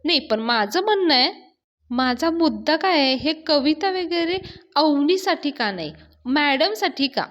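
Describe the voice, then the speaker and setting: A woman's voice: high-pitched, animated, measured pace, a bit bright, highs cut off, voice pushed up. A woman doing a teasing young man. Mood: mocking. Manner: mocking, argumentative. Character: teasing young man needling his brother.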